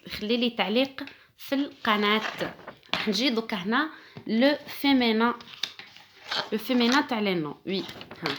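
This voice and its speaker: A woman with an Algerian Arabic accent, a French teacher who explains grammar rules patiently and repeats each rule slowly. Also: medium pitch.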